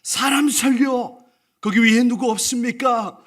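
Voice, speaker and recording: A man voicing a desperate man hanging from a cliff branch, shouting and pleading for rescue. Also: sits high, normal speed, voice pushed up. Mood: panicked shouting.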